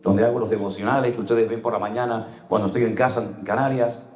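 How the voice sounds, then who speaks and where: A middle-aged man preaching a sermon as a pastor, telling personal stories with emotion and sudden leaps in pitch. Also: fairly even intonation, fast, darkish tone. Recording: echoey room.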